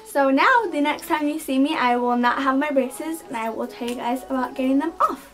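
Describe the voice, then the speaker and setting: High-pitched young woman vlogger. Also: moderate pace, a bit bright. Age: teens to young adult. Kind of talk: casual chat to camera. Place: small bedroom indoors.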